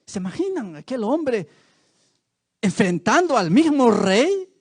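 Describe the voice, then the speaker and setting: A man's voice: very high-pitched, very animated, slow pace, a little mellow, slightly rough. A male preacher giving a sermon in a church, telling the story dramatically and asking the congregation rhetorical questions.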